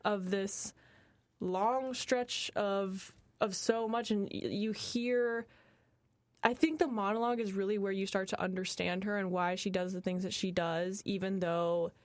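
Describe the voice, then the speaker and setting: A woman's voice: medium pitch, fairly even intonation, a little slow, dry recording. A young woman co-hosting a college radio film show, talking casually with lots of fillers. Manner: chatty, many fillers like um and like. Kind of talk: casual film review chat.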